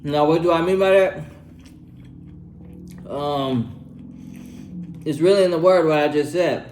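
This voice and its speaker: A man's voice: on the high side, takes it slowly, darkish tone, slight background noise. Laid-back young man, echoey room. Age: 20s. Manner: laid-back, slangy, repeats himself, tags lines with "bro". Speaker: vlogger giving life advice. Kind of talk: casual advice vlog while eating.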